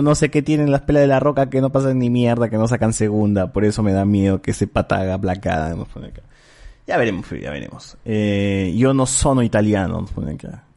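Un hombre con acento peruano que conduce un pódcast en charla casual, relajado y con mucha jerga y groserías. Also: male voice, fairly low pitch, darkish tone. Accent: Peruvian Spanish. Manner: slangy, laid-back, swears freely. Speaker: podcast host. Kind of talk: casual chat among friends.

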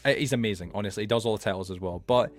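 A man in his early twenties hosts a casual late-night podcast, speaking rapid-fire in a fairly low-pitched voice with faint music behind him. He rambles along with lots of fillers and restarts.

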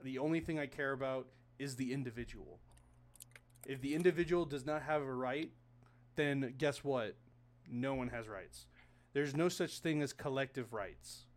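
A man's voice: medium pitch, moderate pace. A man in casual podcast chat, opinionated and sarcastic, lecturing at length on his political views.

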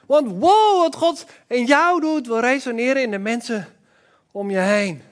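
A man's voice: extremely high pitch, measured pace. A man giving a church sermon, who talks with enthusiasm, throws in exclamations and speaks straight to the congregation. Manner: addresses the congregation directly. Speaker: preacher.

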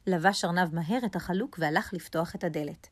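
A woman narrating a children's story in an expressive way, speaking directly to young listeners. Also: on the low side, no echo.

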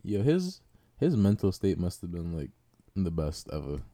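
A man's voice: deep voice, big pitch swings, normal speed, warm tone. A young man in casual podcast banter, talking in a slangy frat-bro way as a co-host. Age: young adult.

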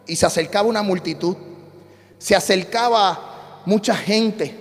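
A man preaching an impassioned sermon, swinging from loud repeated shouts to low storytelling. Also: unhurried, in a large hall. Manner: shifts from shouting to hushed storytelling, repetitive cadence. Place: church sanctuary.

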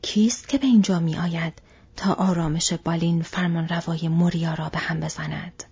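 A commanding old wizard, whispered by a woman in whispered role-play, the breathy, husky voice pressing on with urgency. The recording sounds dull and lo-fi. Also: lowish voice, steady tone, darkish tone, heavily acted.

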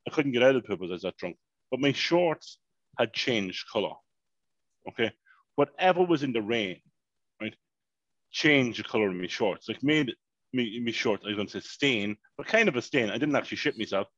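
A man, telling a long, animated story in casual podcast chat and swearing freely. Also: mid-range voice, fairly quick, no room sound, muffled recording. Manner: animated, swears freely, repeats "mayhem" and "unbelievable". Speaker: podcast co-host.

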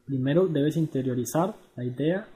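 A man reading a scripted educational narration in an even, measured way. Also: on the high side.

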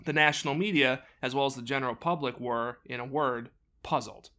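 A man's voice: mid-range voice, fairly even intonation, brisk, bright, forceful tone. Guy hosting a sports story podcast, scripted narration, dry sarcastic little jokes. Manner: wry, sarcastic asides. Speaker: podcast host.

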